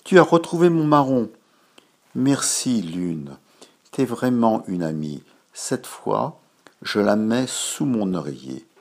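A man voicing an eager little boy in a spoken storybook, raising his voice high and bright. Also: lively intonation, unhurried, slightly rough, full character voice. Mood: overjoyed.

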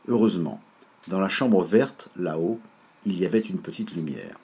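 A man reading a children's story aloud in a measured, lively way. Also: low voice, vocal fry, breathy edge.

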